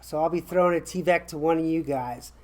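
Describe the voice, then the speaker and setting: A man's voice: on the high side, a little fast, a little mellow. A middle-aged American man hosts casual morning announcements for a school. He is upbeat, chatty and encouraging, speaking to a camera in a classroom. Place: small classroom, indoors.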